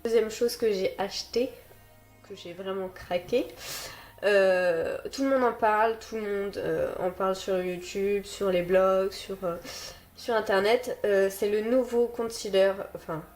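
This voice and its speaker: A woman's voice: mid-range voice, measured pace, darkish tone, faint music behind. Congested, nasal woman vlogger. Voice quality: very nasal, blocked-nose congested voice. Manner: self-deprecating, apologetic. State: sick with a stuffed nose. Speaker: beauty and haul vlogger. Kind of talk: casual chat to viewers, product recommendations.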